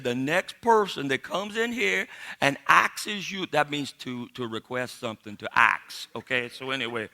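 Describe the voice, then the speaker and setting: A male comic storyteller with a Cajun accent and a high, very bright, forceful voice. He rambles in a folksy way, circling back over his phrases as he builds the tale. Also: gravelly. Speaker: comedian, joke teller.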